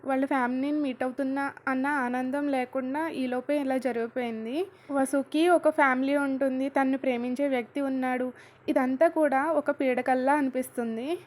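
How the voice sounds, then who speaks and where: High-voiced woman telling a story. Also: a little mellow. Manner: conversational, explaining asides. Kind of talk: casual storytelling narration.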